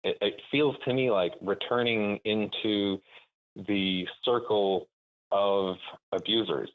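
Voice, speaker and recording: A man calling into a show, speaking thoughtfully and haltingly over a clipped phone line, pausing often to search for words. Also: fairly low pitch, fairly even intonation. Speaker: caller. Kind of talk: call-in conversation. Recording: narrow tinny phone line.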